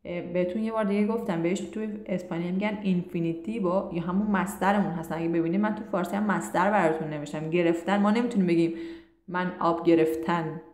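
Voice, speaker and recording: A woman giving a casual online language lesson, chatty and encouraging, who slows down to spell out sounds. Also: on the low side, steady tone, darkish tone. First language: Persian. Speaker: Spanish language teacher. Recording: roomy echo.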